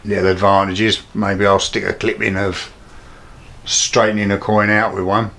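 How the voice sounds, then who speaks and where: A British man hosting an informal hands-on craft demonstration, talking in a low-key, plain-spoken and unpolished way. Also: flat delivery, moderate pace, vocal fry, fairly bright tone, a little hiss or hum. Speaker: hobby craft video host.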